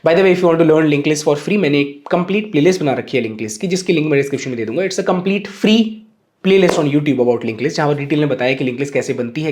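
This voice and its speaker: Upbeat Indian tech tutor, slightly high voice. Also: male voice, a little mellow. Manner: casual, explanatory, checks in often. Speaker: programming educator. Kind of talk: Hinglish tech tutorial talk.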